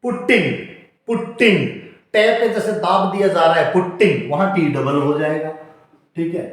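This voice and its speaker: A man's voice: a little high, normal speed. A man teaching a lesson, explaining step by step and spelling out example words. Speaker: English teacher. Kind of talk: spoken classroom-style lesson. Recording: very echoey room.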